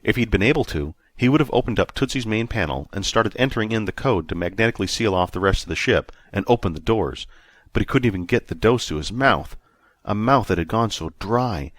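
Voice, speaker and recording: A man narrating a sci-fi audiobook in a steady, measured storytelling manner. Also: fairly low pitch, no echo. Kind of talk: scripted narration.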